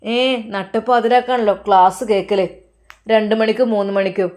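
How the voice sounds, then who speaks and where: A woman's voice: mid-range voice, fairly even intonation, moderate pace, a little mellow, close to an everyday voice. A woman voicing a stern older mother-in-law who lectures and scolds in a Malappuram Malayalam accent. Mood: scolding.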